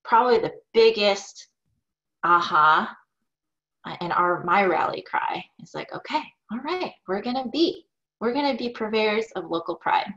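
Speaking over a webcam from her home office, a small business owner in her forties answers questions in a conversational interview. Her voice is mid-range and a bit bright, with lively intonation and a measured pace. She's upbeat and reflective, with occasional fillers, and the call audio sounds dull and lo-fi.

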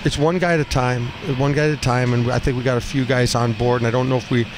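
Speaking off the cuff after the game, this man in his fifties, a hockey coach, sounds blunt and hesitant and keeps circling back to the same phrases in a mid-range voice. The recording comes from a cramped cinder-block room inside the rink, picked up by a headset boom mic over constant arena noise.

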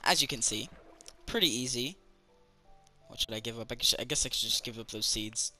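A man's voice: medium pitch, brisk, pushed and bright, soft background music, rough recording. A man chatting casually as he plays a building game for his channel, rambling with lots of fillers and restarts. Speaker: gaming channel host. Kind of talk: casual let's-play commentary.

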